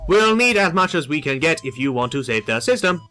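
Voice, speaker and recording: Robot guide in a game, stiff formal explainer; a man puts it on, bright tone. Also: a little high, sing-song, a little fast, soft background music. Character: robotic male guide companion.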